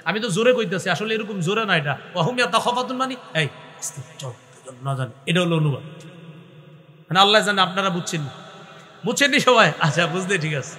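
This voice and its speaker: Male preacher, high and ringing, chanted verses and animated explanation, long hall reverb. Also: quick pace. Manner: chants verses then explains in lively spoken Bengali, acting out whispers. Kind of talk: Bengali waz sermon with chanted Quran recitation.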